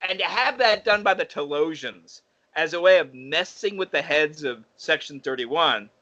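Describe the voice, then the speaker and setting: A man's voice: on the high side, animated, normal speed, sharp tone, lo-fi sound. A man co-hosting a podcast, chatting casually in an analytical way and correcting himself as he goes. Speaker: podcast co-host. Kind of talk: casual chat.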